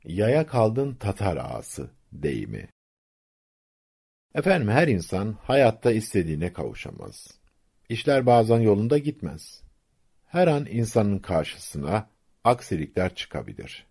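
A man tells folk tales and explains sayings in a scripted, measured radio narration. His voice is very low, gravelly and husky, moving through a wide melodic range at an unhurried pace. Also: mellow. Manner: measured, didactic storyteller.

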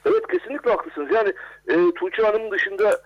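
A man speaking as an academic guest in a radio interview, hesitant, with many drawn-out filler sounds. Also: high-pitched, very animated. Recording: dull lo-fi phone line.

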